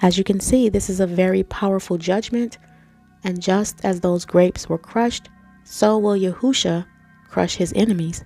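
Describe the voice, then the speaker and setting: This channel host, stuffy-nosed from allergies, reads scripture and teaches it in a relaxed, conversational way, calling her viewers family and guys. She has a warm, mid-range voice at normal speed, over soft background music.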